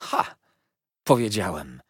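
Brief: male reader playing a pompous, overwrought gent, flowery and loud, husky edge, lively swings in pitch. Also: moderate pace, no echo, studio quality. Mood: distraught. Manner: grandiloquent, flowery phrasing; emotional outbursts. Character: pompous, tearful, florid middle-aged gentleman.

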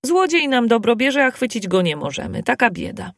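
Excitable little dwarf man read by a woman, raised emphatic voice, storybook, dry recording. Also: on the high side, normal speed, no room sound, voice pushed up. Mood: indignant, pleading. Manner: loud, emphatic and indignant. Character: bold, excitable male dwarf.

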